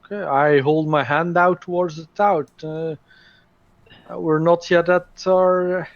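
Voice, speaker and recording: Man with a gravelly voice, dull recording. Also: on the high side, little pitch movement, measured pace, no room sound. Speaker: player. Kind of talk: in-character tabletop play. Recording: dull, dry sound.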